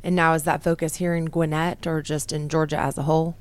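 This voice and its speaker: Woman interviewer, notably low pitch, conversational and affirming. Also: little pitch movement, fairly quick, no echo.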